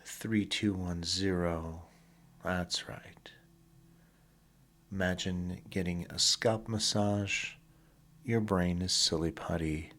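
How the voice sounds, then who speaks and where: Deep and husky with a breathy edge, a man's voice narrates a sleep hypnosis session at a slow, soothing, deliberate pace, leaving short gaps between phrases. His intonation stays fairly even and the tone is fairly bright.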